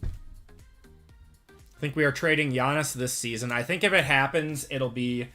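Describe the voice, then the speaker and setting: A Wisconsin man in his thirties with a Midwestern accent hosts a live sports card break stream, reading out cards and answering chat in a relaxed, chatty way. His voice is medium-pitched at a moderate pace, with soft music playing behind him.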